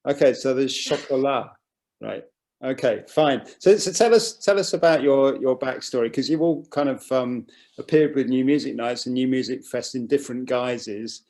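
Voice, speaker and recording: A man's voice: medium pitch, moderate pace, darkish tone. A man from England hosting a casual interview, chatty and jokey, often restarting his questions. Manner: jokey, chatty, with false starts.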